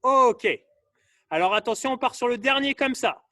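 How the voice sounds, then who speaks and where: A man leads a live online fitness class, barking out drills and colors in quick bursts and pushing everyone to speed up. His voice is extremely high and sharp, recorded cleanly in a studio with no echo.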